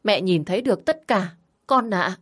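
A woman's voice: mid-range voice, animated, moderate pace, a bit bright. A woman voicing a stern middle-aged mother who scolds and pleads with her daughter. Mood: scolding.

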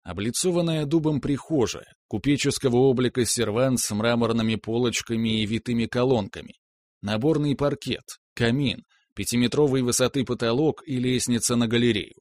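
A man calmly narrating a first-person story as an audiobook reader. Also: medium pitch, moderate pace, no echo. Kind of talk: scripted narration.

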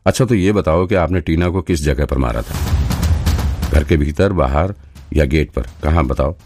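A man doing a sharp, probing detective. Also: rumbling low, normal speed, background noise. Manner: probing, firm questions. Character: sharp, confident male detective questioning a suspect.

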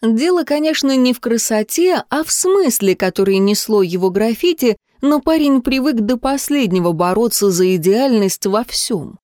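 A woman reading a story aloud as an audiobook narrator, in a tense, measured manner. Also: on the high side, animated, a little mellow, dry recording, clean studio sound. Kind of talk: scripted narration.

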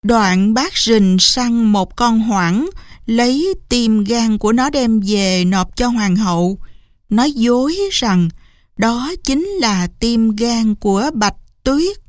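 Slow expressive woman storyteller. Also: on the high side, no room sound, clean studio sound. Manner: expressive, unhurried reading. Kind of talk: storybook narration.

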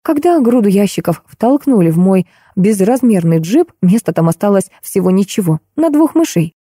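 A woman narrating an audiobook in a wry, lively storytelling manner. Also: medium pitch, normal speed, slightly rough, no echo, studio quality.

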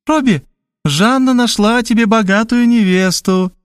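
A nagging mother scolding her adult son in an audiobook, her voice pitched very high and raised in volume, as a male narrator puts her on. She is insistent and lectures rather than listens. The delivery is close and dry. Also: a little slow, clean tone, dry recording.

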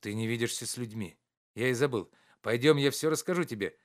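Devoted, urgent friend, read by a man: raised pitch, quick, insistent, for a storybook reading. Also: close to an everyday voice. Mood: urging. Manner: raised, fast, insistent pleading.

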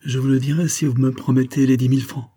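Man doing a gruff haggling guardsman. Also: medium pitch, little pitch movement, quick pace, dark tone, voice pushed up, close to an everyday voice. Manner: blunt, haggling. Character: gruff greedy male national guardsman.

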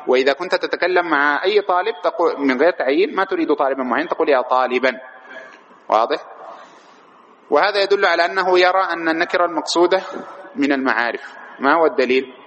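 A man's voice: a little high, a bit bright, highs cut off, slight background noise. A man teaching a grammar lesson to a class, explaining patiently, questioning the students and drawing out example words as he repeats them. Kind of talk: classroom lecture on Arabic grammar.

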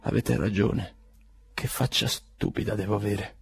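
A man's voice: on the high side, a little mellow, pitched above the performer's own voice, natural voice. A man doing a proud, wounded old aristocrat. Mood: weak. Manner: formal, halting, pausing speech. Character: proud aging aristocratic gentleman, wounded and stiff.

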